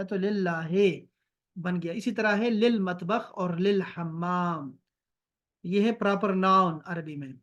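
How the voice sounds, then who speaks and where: A man from Pakistan teaching an online Arabic lesson, repeating each word slowly and switching to firm reminders. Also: high-pitched, muffled recording. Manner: patient, repetitive drilling of words, switching to strict reminders. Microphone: video call.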